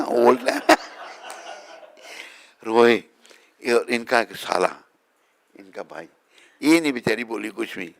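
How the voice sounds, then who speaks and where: A man with a low, gravelly voice gives an informal spiritual talk to his devotees. He teases them in a chatty way and keeps checking with them whether he is right. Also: a bit bright. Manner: teasing, chatty, keeps asking the listeners if he is right. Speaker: swami giving a morning talk.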